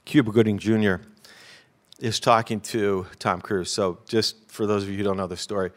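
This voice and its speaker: A male pastor preaches a sermon at a normal pace, telling stories. His delivery swings vividly between loud, emphatic peaks and hushed, low asides.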